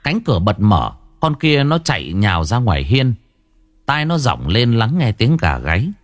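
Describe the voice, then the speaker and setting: A man narrating a first-person ghost story in an expressive storytelling manner. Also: mid-range voice, normal speed, raised voice, faint music behind.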